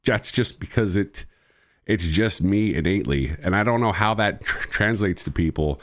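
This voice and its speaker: Deep-voiced man, swearing, laughing. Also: expressive, moderate pace. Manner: swears a lot, laughs often, rambling. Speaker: streamer host. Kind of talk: casual chat.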